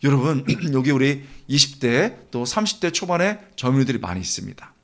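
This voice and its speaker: A man's voice: mid-range voice, very animated, brisk, a bit bright. A man preaching a sermon in a church, earnest and asking the congregation rhetorical questions. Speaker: guest preacher.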